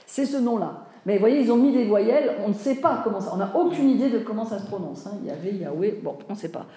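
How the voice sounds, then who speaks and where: A Bible teacher gives a live lecture to a class, fielding audience questions in a mellow, warm, mid-range voice that is animated and fast. Chatty and engaging, she keeps putting questions to listeners and checking they follow with "vous voyez" and "hein". The room is roomy, with clear echo off the walls.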